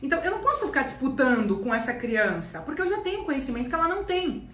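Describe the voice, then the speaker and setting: A high-pitched woman with a Brazilian Portuguese accent talks to parents like a teacher giving a lesson. She repeats phrases for emphasis. Her voice reaches the mic from a distance in a room with a lot of echo. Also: sing-song, fast talker, fairly bright tone. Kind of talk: educational talk to parents.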